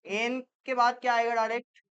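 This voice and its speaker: Quizzing woman teacher, clear voice. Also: fairly high pitch, flat delivery, moderate pace, fairly bright tone. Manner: quizzing students with repeated questions. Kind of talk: classroom reasoning lesson. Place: classroom. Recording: muffled lo-fi classroom recording.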